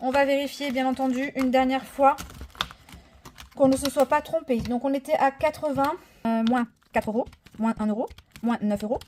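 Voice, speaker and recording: A woman in her thirties talks through her budget envelopes in a chatty, eager way, her voice sitting a little high. She fills pauses with little fillers and counts coins aloud. A faint hiss and soft clicks sit under her voice. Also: fairly even intonation. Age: 30s. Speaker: budget vlogger. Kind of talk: casual budgeting vlog narration.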